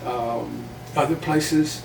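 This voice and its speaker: This guest, an older South Texas journalist and playwright who grew up speaking Spanish, recounts career stories at an easy, reflective pace, chuckling now and then. His mid-range voice is creaky and darkish with fairly even intonation, recorded on a far-off mic with faint noise in a roomy space.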